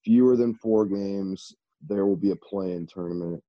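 A man's voice: low voice, a little slow, dry recording, dull audio. A man in casual sports chat, precisely checking details.

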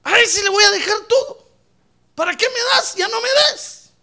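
A worn-out, complaining old man, ninety-nine years old and fed up with waiting, as a preacher puts him on. His voice climbs high and pleading and swings widely. He sounds bright and strained as he begs to be left alone. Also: animated, normal speed, gravelly, heavily acted. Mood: exasperated. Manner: pleading, exasperated. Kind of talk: sermon storytelling.

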